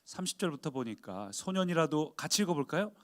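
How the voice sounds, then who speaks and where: A male pastor delivers a sermon with a fairly high-pitched voice. He keeps it conversational and often turns to the congregation with questions. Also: sing-song, a little fast, fairly bright tone.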